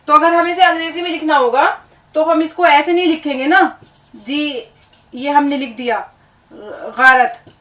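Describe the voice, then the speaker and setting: A woman's voice: high-pitched, a bit bright, reverberant, recorded from a distance. A woman teaching a language lesson, patiently spelling out words, repeating them and checking with the learner. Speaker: Urdu teacher. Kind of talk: classroom lesson on letters and words.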